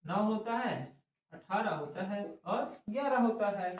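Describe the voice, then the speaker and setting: A man teaching a reasoning lesson for exam students who keeps asking questions and answering them himself, slowly working through each step. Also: sits high, expressive. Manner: drawn-out explaining. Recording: very echoey room, voice far from the mic.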